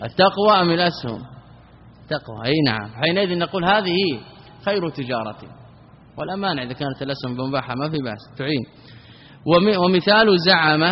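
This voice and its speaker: A man with a fairly high, husky voice teaches classical Arabic grammar. He repeats key terms and answers his own questions. The recording is dull and carries a long reverb, as if from a hall.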